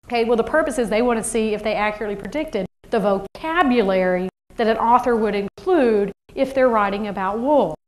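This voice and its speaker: Brief: woman teacher trainer, higher voice, animated workshop delivery. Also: a little fast, hardly any pauses. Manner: lively, animated, acts out kids' voices. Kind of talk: workshop presentation.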